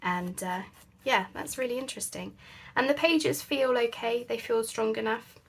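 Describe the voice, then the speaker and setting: A woman's voice: a little high, moderate pace, vocal fry, slightly rough. A woman chatting casually as she works on a craft project, thinking aloud with lots of fillers. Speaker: crafting channel host.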